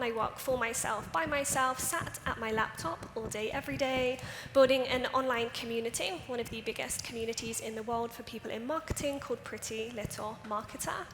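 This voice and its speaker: A woman creator speaks on a conference panel in an upbeat, self-deprecating way. Her voice sits fairly high. A roomy hall echo with long reverb hangs around her words. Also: noisy background. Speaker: community builder and creator, panelist. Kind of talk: live panel talk. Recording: roomy hall with faint ambience.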